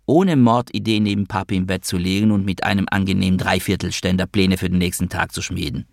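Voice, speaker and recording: Man reading an audiobook and putting on a higher-pitched teasing guy, sarcastic, gravelly, dry close sound. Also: fairly even intonation, fairly quick, no echo. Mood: mocking. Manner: sarcastic, needling. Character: mocking, teasing male friend on the phone.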